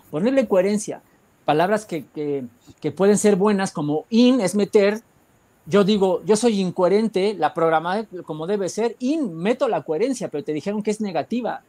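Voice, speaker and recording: A man with a Mexican accent giving a rambling spiritual talk, often searching for words and filling pauses. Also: a little high, warm tone. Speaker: guest speaker.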